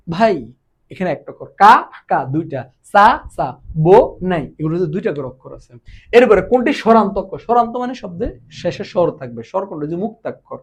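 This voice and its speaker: A man gives an online exam-prep lesson in a high, very animated voice that leaps up and down between phrases. He keeps firing questions at his students and drags example words out slowly to demonstrate. He talks to them in a casual, brotherly way. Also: slightly rough. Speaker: Bengali admission tutor.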